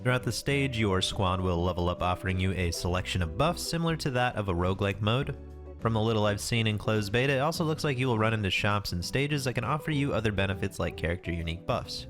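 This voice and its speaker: A man's voice: lowish voice, lively intonation, fast talker. A man giving casual scripted commentary as a video host, informal and wry, with some casual swearing. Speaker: YouTube game preview host. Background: music behind the voice.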